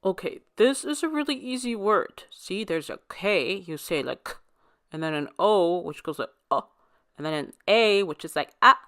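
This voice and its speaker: A woman's voice: on the low side, expressive, normal speed, few pauses, no echo, clean studio sound. A woman voicing an impatient older brother, blunt and grudging. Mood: grumpy. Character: grumpy older brother, preteen boy.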